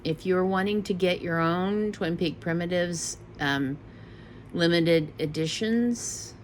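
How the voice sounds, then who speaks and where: Slow, chatty woman vlogger. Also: on the low side, slight background noise, rough recording. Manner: chatty, rambling, self-correcting. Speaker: cross-stitch vlogger. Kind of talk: casual show-and-tell chat.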